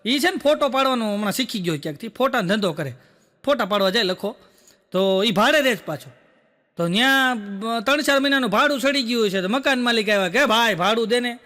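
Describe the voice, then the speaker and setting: A man doing stand-up comedy, telling jokes rapidly and acting out the dialogue of his characters. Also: extremely high pitch, expressive, sharp tone, long reverb tail. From Gujarat, India. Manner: rapid joke telling, acting out quoted dialogue, frequent rhetorical "બોલો". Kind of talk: Gujarati joke telling on stage.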